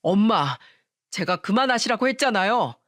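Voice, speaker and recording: A frustrated husband, as a woman narrator puts him on pushes back firmly against his mother, his voice pitched a little lower and louder than the narration. The sound is close and dry. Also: animated, moderate pace, no echo, close to an everyday voice. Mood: exasperated. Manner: firm, pleading. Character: exasperated husband defending his wife.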